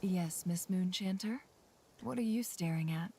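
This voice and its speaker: A woman playing a cool, teasing, sly character with a dry, unhurried delivery in an anime video game. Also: fairly low pitch, mellow, a little hiss or hum.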